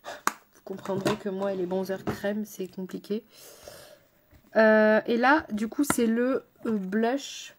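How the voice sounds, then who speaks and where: A woman's voice: medium pitch, fairly even intonation, slow, noisy background. A woman makeup artist talking casually through a makeup tutorial, speaking straight to her viewers with playful asides to someone off camera. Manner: chatty, addresses viewers directly.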